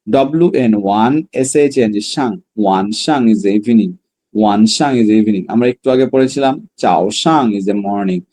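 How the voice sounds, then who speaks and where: A man teaching a Chinese vocabulary class, drilling words slowly and repeating them, then explaining in quick bursts. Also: mid-range voice, dark tone. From Bangladesh. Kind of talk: online class lesson.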